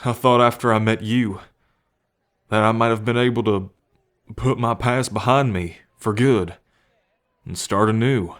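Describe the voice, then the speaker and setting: A male actor is cast as a devoted bull man with a violent past in an ASMR roleplay addressed to the listener. His lowish, natural voice comes out unhurried and halting, tender and earnest, with a grateful, tender mood.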